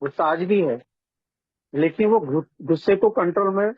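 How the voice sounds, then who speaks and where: A man tells his recovery story in an earnest, conversational way, often turning to the listeners as friends. His voice sits high and a little husky. The sound is dry and tinny, like a phone call. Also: normal speed, no echo. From India. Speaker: AA member sharing his story. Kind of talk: personal recovery testimony. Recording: tinny phone-line audio.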